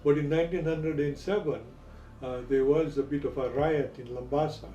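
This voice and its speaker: A man explains in an interview, halting and measured, with an academic manner. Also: on the high side, steady tone, warm tone, dull audio. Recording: roomy, distant, noisy pickup.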